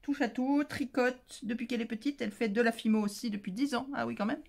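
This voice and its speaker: A tired woman chats casually and playfully while opening her mail, often exclaiming and teasing herself. Her voice sits a little high. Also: fast talker, creaky, darkish tone. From France. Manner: chatty, playful, self-mocking, exclaiming. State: tired, voice going. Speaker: craft channel host.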